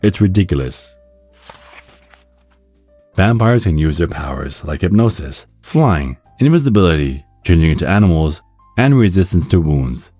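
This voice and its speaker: Over faint background music, a man with a very low, somewhat mellow voice narrates a scripted ASMR guide in a sing-song, measured tone with a wry distance. The recording is very dry, with no room sound.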